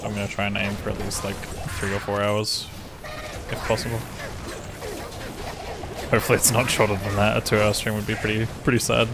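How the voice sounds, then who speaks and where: A man's voice: lowish voice, fairly quick, long pauses. A man streaming a game, chatting casually with viewers in a tired, laid-back way. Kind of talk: casual live-stream chat. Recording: steady background noise.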